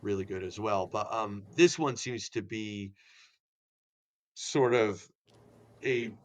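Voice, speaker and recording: A musician guest in casual chat, talking in rambling, searching sentences with many "you know"s. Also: male voice, fairly low pitch, slow pace.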